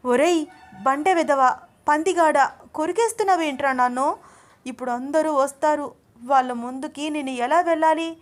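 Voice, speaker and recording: A woman's voice: normal speed, close to an everyday voice. Woman voicing a fiery young wife. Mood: angry. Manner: scolding, shrill when annoyed. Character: young wife, shy but fiery when angry. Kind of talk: storybook reading.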